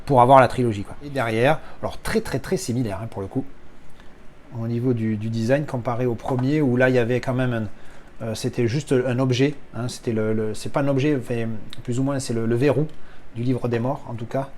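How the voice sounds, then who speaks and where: A man's voice: mid-range voice, fairly even intonation, brisk, darkish tone, slight background noise. Rambling man unboxing films. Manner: rambling, many fillers and restarts. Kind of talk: casual unboxing commentary.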